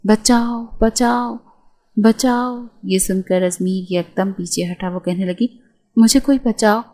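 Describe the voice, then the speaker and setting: A woman's voice: on the low side, fairly even intonation, a little mellow, close to an everyday voice. A woman voicing a childish, easily frightened young bride in a read-aloud romance novel, speaking in a whiny, pleading way.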